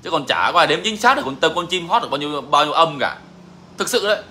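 Man with a slightly high, forceful voice who hosts a casual live Q&A, emphatic and repetitive. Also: expressive, fast talker. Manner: emphatic, repeats phrases. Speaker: songbird breeder answering viewers.

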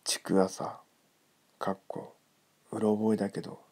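A man reading a ghost story in a hushed, creepy manner, his gravelly, breathy voice often close to a whisper. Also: on the low side, fairly even intonation, takes it slowly.

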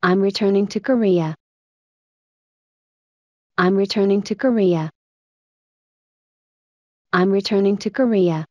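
Female teacher voice, slow repeated phrase drills, plain even reading, dry close sound. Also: mid-range voice, no echo, dull audio. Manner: plain, evenly paced model reading. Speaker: English phrase reader.

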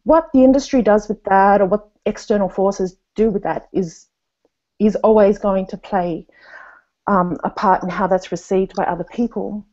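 A woman from Tonga, in her thirties, speaks at a normal speed with a warm, medium-pitched voice as a guest on a video call panel. She's earnest and reflective but often uses fillers and restarts. Her sound, from a webcam and earphones at a desk in a small room, is dull and lo-fi.

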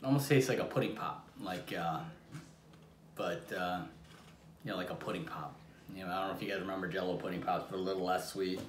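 A man co-hosting a home taste-test vlog in a loose, rambling way, often restarting his sentences. His voice sits fairly low. The recording is roomy and echoey, with a faint hiss behind it. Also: brisk. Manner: rambling, restarts sentences, talks with mouth full. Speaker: vlog co-host. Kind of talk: casual taste-test chat. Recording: echoey room with faint noise.

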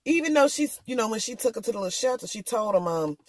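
A woman's voice: a little high, expressive, fast talker, darkish tone, dry recording. A woman recapping a TV episode in casual, slangy chat, talking candidly straight to her viewers. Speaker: TV episode reviewer.

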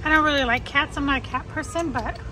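A woman's voice: sits high, fast, low-quality recording. A woman in her thirties chatting to her phone camera while walking through a pet store, giggly and casual. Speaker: vlogger. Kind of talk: casual vlog chat. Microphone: phone at arm's length. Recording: store noise behind.

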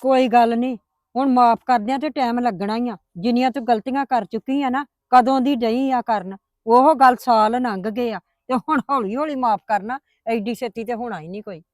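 A woman's voice: fairly high pitch, moderate pace, a little mellow, dry recording, clean studio sound, natural voice. A woman playing a coaxing patient grandmother. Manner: coaxing, placating. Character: patient grandmother, soothing mother-in-law. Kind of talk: family drama acting.

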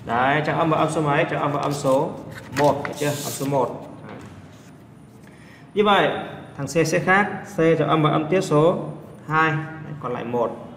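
A Vietnamese male English teacher with a fairly high, creaky, slightly bright voice works through exam answers step by step. He frequently pauses to ask students quick check questions. The room is echoey, with faint background noise.

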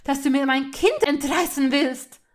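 A woman reading a fan audiobook voices a furious young woman whose indignation breaks into high, strained shouting. Every word is hurled out loud and shrill, the pitch climbing well above a normal speaking voice. She takes her time, with each accusation slow and deliberate.

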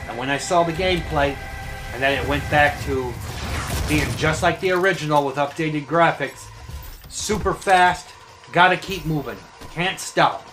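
Male comedic gameplay commentator, excitable, fond of swearing, slightly high voice, game music clearly audible underneath. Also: a little slow.

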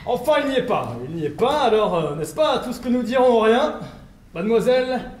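Glib womanizer, very high voice for a man, bluffing, echoey stage. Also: expressive, a little fast, slight background noise. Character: smooth skirt-chasing gentleman, glib fibber. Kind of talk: stage play acting. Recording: echoey theater stage recording.

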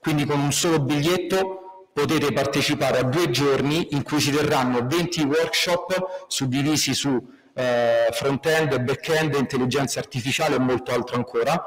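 A man with a mid-pitched voice gives opening announcements for a tech meetup before handing over to the speaker. He hesitates often and restarts his sentences, speaking in a lecture hall. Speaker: event organizer introducing the speaker. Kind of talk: event announcements.

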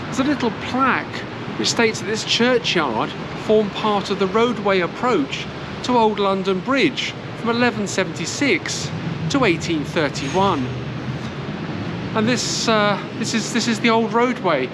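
A woman's voice: mid-range voice, lively intonation, measured pace. A woman vlogging outdoors in a city churchyard, giving a casual history walking tour with many fillers and restarts, filmed on a handheld camera at arm's length. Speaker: travel vlogger. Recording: loud city background noise.

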